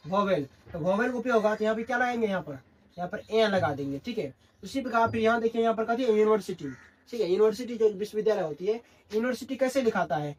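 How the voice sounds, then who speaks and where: A man's voice: high voice, expressive, quick pace. Male tutor, call-and-response classroom delivery. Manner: constantly asks and answers his own questions. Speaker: English grammar teacher. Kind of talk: classroom lesson in Hindi.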